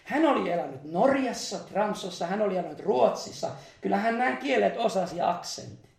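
A man's voice: high-pitched, lively intonation, gravelly, reverberant. A man preaching a charismatic sermon, fervent, breaking into hallelujahs and laughter. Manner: fervent, exclaims hallelujah, laughs between phrases. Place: church meeting hall.

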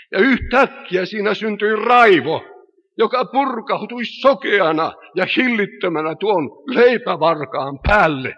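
A man preaching a sermon in style, solemn and rising to emphatic cries. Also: high-pitched. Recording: reverberant hall, dull lo-fi sound.

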